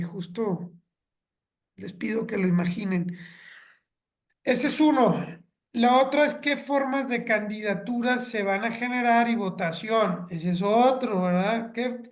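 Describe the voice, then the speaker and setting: Mexican woman lecturer on a video call. Conversational, explains with homely examples, middle pitch. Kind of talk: online graduate lecture.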